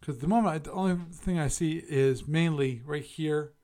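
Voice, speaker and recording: A male podcast host with a warm, higher-leaning voice speaks at a moderate pace. Alone on his casual show, he chats and reviews, musing aloud and catching his own slips as he goes.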